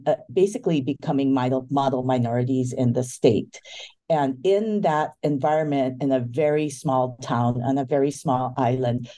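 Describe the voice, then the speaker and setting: A woman's voice: very deep voice, mellow. A woman in her fifties from Hawaii, a book editor talking as a guest in an interview, thoughtful with many fillers. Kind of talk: casual interview talk.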